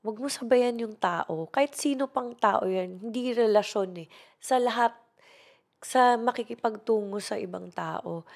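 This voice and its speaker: A woman's voice: a little high, a little slow, creaky, darkish tone. A young Filipino woman with a Filipino accent, a content creator telling a personal story in casual chat and mixing in English. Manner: chatty Taglish storytelling, addresses viewer as best friend.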